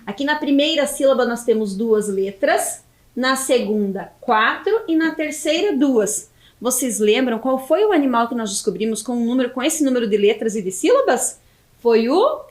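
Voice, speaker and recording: A Brazilian Portuguese woman teaches young children in a video lesson. Her voice sits high and swoops up and down a lot, and she draws words out syllable by syllable. It sounds like a roomy, echoey space. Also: lively intonation. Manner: slow, stretched syllables when spelling out words. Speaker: primary school teacher.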